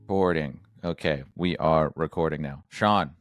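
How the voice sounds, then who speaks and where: A man's voice: extremely low pitch, moderate pace, soft background music. A man hosting a podcast, chatting casually with lots of jokes, fillers and restarts. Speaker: podcast host. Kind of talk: casual interview chat.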